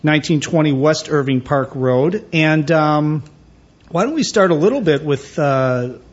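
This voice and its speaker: A man's voice: fairly high pitch, expressive, a little slow. A man hosting a live jazz radio show from a venue, asking questions in a casual, joking way with many fillers. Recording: slightly dull lo-fi sound.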